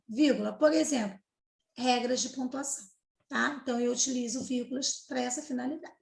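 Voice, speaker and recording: A woman's voice: high-pitched, creaky. A woman with a Brazilian accent, a Portuguese teacher explaining grammar step by step and checking in often with her class. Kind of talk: recorded grammar lesson for 7th grade. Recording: echoey room.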